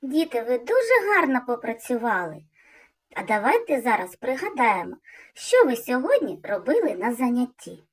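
Breathy, bright-pitched woman praising kids. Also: very animated, moderate pace. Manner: warm praise addressed to children. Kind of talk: closing a children's lesson.

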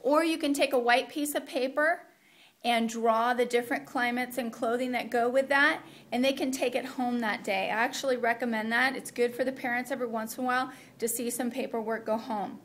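A woman's voice: on the high side, fairly even intonation, fairly quick, fairly bright tone. A woman walking teachers through a week of Spanish immersion lessons in a practical, conversational way, dropping in Spanish phrases. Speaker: Spanish program instructor. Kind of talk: teacher training walkthrough.

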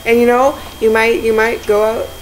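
A sleep-deprived young woman rambling casually to friends on a webcam at home, slangy and joking in a deadpan way. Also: fairly high pitch, normal speed, slight background noise, rough recording. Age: young adult. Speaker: video blogger. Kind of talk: casual chat to friends on camera. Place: living room at home, indoors. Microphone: webcam or laptop mic at arm's length.

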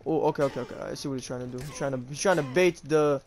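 A man's voice: medium pitch, racing, faint music behind. A man giving casual live gameplay commentary as a YouTuber, talking in an informal, slangy way with plenty of swearing. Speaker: gaming YouTuber.

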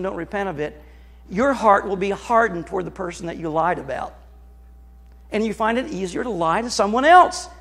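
High-voiced preacher in a church. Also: male voice. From United States. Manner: animated, moves across the stage and gestures while preaching. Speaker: pastor. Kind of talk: sermon. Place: church sanctuary with a congregation.

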